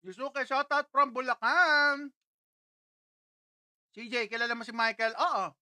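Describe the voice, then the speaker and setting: A woman's voice: on the high side, a little slow, sharp tone, no room sound. A woman hosting a casual live stream from a studio, greeting viewers one after another and tasting food on camera.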